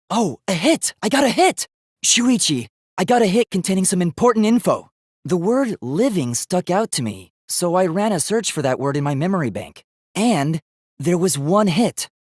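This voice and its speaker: This video game robot student, young, male, earnest and logical, is voiced in English with formal precision, as if reasoning out every line, while his pitch varies in a lively way. He starts out excited, then turns analytical and resolute, and the sound is dry with no room sound.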